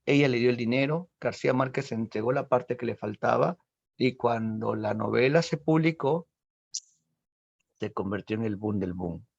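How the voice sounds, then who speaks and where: A male literature teacher acting out a story with lively quoted voices during an exam-prep lesson. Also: medium pitch, normal speed, creaky. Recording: dull lo-fi sound.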